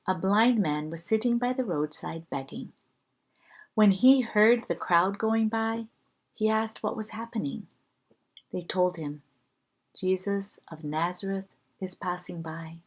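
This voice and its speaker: Low-pitched woman guiding slow breath prayer. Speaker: prayer leader. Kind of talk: guided devotional teaching on slow breath prayer.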